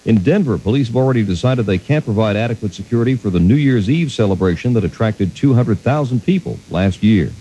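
A man's voice: fairly low pitch, lively intonation, brisk, few pauses, warm tone, a little hiss or hum, rough recording. An American man anchoring a radio news roundup, reading from a script.

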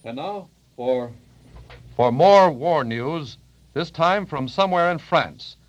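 A man's voice: on the high side, lively intonation, slow. Male announcer on an old radio news broadcast. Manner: formal announcing, calling a remote station on air. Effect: old archival radio news broadcast. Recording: dull lo-fi old radio recording.

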